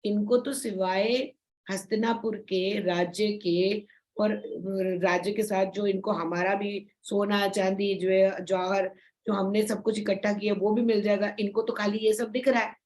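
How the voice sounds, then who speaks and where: A woman's voice: mid-range voice, fairly even intonation, a little slow, a little mellow, poor audio. A woman spiritual teacher explaining scripture informally, in a chatty way full of tag questions.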